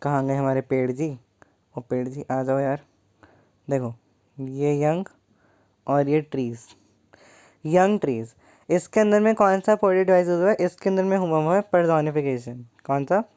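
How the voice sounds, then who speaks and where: A woman's voice: deep voice, moderate pace, long pauses, dark tone, clear, resonant tone, muffled recording. A young woman teaching a poem in an online lesson, playful and joking, calling her students 'beta'.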